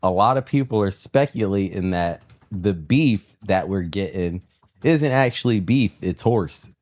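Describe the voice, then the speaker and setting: A man on a podcast as a guest, talking in a relaxed, casual way. His voice sits fairly low, and he mostly drops short remarks into the conversation. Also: a little slow. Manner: laid-back, short interjections.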